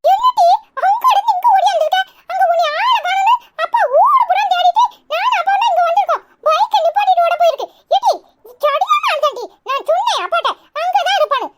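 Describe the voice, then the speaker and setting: A woman's voice: very high-pitched, huge pitch swings, a little fast, heavy background noise, heavily acted. A woman voicing an amused, chiding village mother with a Kanyakumari Tamil accent in a cartoon. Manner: chiding, laughing.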